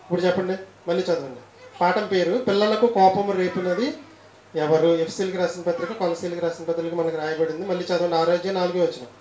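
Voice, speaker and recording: A man's voice: high voice, steady tone, fast talker, darkish tone. A man teaching a Bible lesson who repeats key phrases and keeps asking his listeners questions. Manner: repetitive, asks questions of listeners. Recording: roomy echo.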